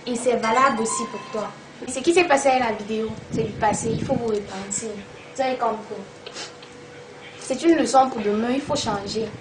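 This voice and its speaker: Actress doing a nagging friend, high voice, lecturing, echoey room. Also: female voice, brisk, noisy background, close to an everyday voice. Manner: insistent questioning, then lecturing. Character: scolding young woman friend, nagging and preachy. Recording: echoey room with loud music behind.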